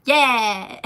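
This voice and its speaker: A young woman, a singer, chats casually during a livestream Q&A, reading viewer comments with plenty of fillers and a rambling flow. Her voice is high and a bit bright, with a little hiss or hum in the audio.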